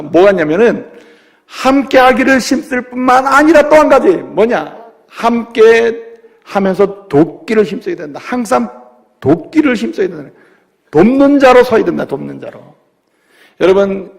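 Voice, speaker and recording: A man's voice: high-pitched, vocal fry. A man preaching a sermon as a pastor, asking his congregation questions and acting out quoted voices. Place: church sanctuary. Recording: long reverb of a church hall.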